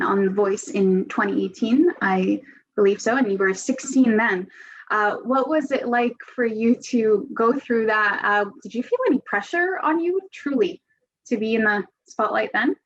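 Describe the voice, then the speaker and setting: A woman interviewing a musician, asking measured questions with occasional hesitations. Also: on the high side, muffled recording.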